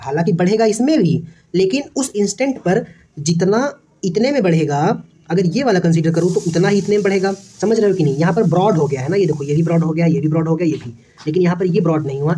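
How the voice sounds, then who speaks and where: Teacher for an exam-prep physics lesson, warm low-toned voice, patient and repetitive. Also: slight background noise. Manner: explains step by step, repeating phrases and asking quick checks.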